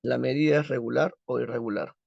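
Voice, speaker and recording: A man's voice: medium pitch, fairly even intonation, a little fast, vocal fry, darkish tone, dry recording. A man teaching a literature class, who drills the students with questions and answers them himself. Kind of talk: recorded class lesson. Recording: dull lo-fi, dry.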